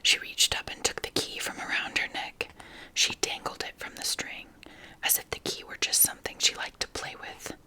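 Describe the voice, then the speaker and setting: Whispering woman reading a story, bright, crisp edge. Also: normal speed, low-quality recording. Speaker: ASMR reader. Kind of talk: whispered ASMR audiobook reading.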